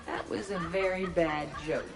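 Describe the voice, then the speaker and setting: A woman's voice: on the low side, a little slow, over music, lightly acted. A woman playing a polite, dryly teasing artificial intelligence in a video game, speaking formally and precisely. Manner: formal, precise phrasing, deadpan.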